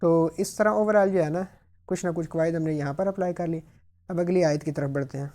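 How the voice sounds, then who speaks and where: Mellow-voiced man teaching Tajweed rules. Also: a little high, fairly even intonation. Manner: patient step-by-step explanation, slowly modelling words. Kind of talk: explaining recitation rules.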